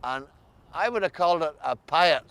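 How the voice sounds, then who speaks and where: A man's voice: a little high, expressive, moderate pace, creaky, fairly bright tone, smooth. A man with an Ulster Scots accent, asking questions as the interviewer in a casual chat.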